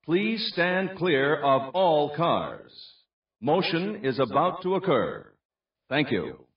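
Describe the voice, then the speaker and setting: Slow man announcing over a PA system. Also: fairly high pitch, sing-song. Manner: slow, deliberate safety announcement. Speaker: ride announcer. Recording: echoey, distant, muffled loudspeaker.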